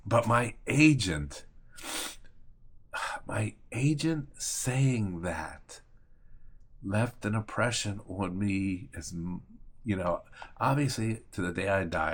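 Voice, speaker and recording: A deep-voiced man in his fifties from Maryland tells a story straight to the camera. His talk is loose and conversational, with mild cursing and bits of remembered dialogue acted out along the way. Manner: conversational, mildly profane, acts out remembered dialogue. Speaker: real estate agent and attorney. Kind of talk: casual personal storytelling to camera.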